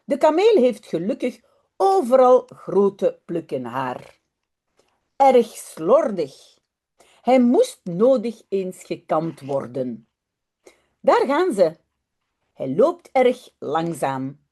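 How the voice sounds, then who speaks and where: A woman teacher, reading a children's story aloud clearly and deliberately. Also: mid-range voice, sing-song, dark tone. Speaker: language teacher. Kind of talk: slow read-aloud lesson.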